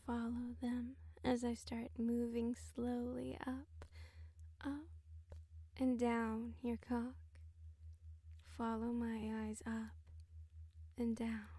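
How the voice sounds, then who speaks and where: A woman voicing a sultry, dominant royal creature in an ASMR role-play, breathy, seductive and teasing, speaking close to the microphone. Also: on the high side, no echo, full character voice. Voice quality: breathy, soft-spoken, sultry. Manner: slow, seductive, commanding, teasing. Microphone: very close microphone, dry.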